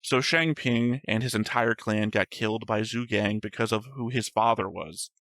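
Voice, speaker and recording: Casually discussing an anime episode, this co-host of a reaction show works through his notes with long, rambling explanations and self-deprecating jokes. His voice is lowish and fairly bright, at a normal pace, with no echo.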